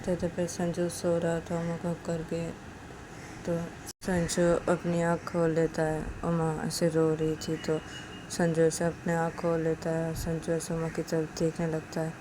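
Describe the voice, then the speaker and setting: A woman's voice: deep voice, completely flat delivery, unhurried, noisy background. A woman storyteller narrating a spoken love story in a plain retelling, often linking scenes with "so then".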